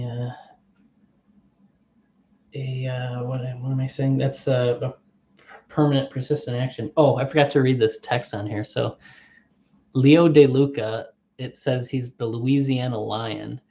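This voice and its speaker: A man chatting his way through a board game session, thinking aloud as he sorts out the rules and asks his viewers where to go next. His voice is mellow and relaxed. The recording is somewhat dull, and the room adds a noticeable echo. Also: medium pitch, unhurried, pauses often, a little hiss or hum. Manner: thinks aloud, reads card text, asks unseen viewers. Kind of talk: casual play-through commentary. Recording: muffled, echoey room.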